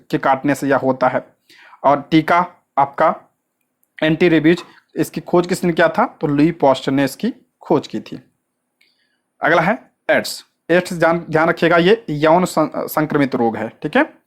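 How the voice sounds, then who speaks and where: Quiz-style exam-prep teacher. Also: mid-range voice. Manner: asks rhetorical questions and answers them at once; repeats short check-ins and stresses key points.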